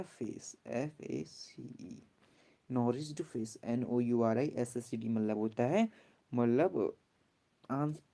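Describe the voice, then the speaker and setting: A man teaching an exam-prep lesson, drawling poem lines slowly, spelling words letter by letter and asking students to repeat. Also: mid-range voice, creaky, mellow.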